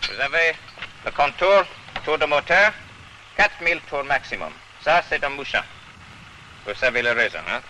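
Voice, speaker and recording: A man's voice: on the high side, normal speed, pauses often. A man instructing racing students bluntly, scolding mistakes, on a 1960s report. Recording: old 1960s film sound, noisy.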